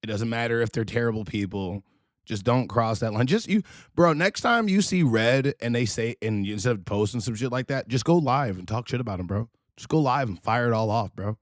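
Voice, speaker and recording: Profane, animated male stream host. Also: mid-range voice, a little fast, no room sound, clean studio sound. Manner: profane, animated, laughing storyteller. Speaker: livestream host. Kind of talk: casual reaction commentary.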